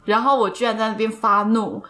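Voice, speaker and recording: A woman with a Taiwanese Mandarin accent hosting a podcast, telling a story in lively casual chat and laughing often. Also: on the high side, brisk. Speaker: podcast host.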